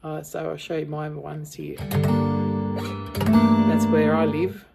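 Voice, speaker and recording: Speaking slowly in a low, gravelly voice with a completely flat delivery, a guitar and singing teacher still manages to encourage and reassure her beginner student in this informal lesson. Strummed acoustic guitar sounds alongside her.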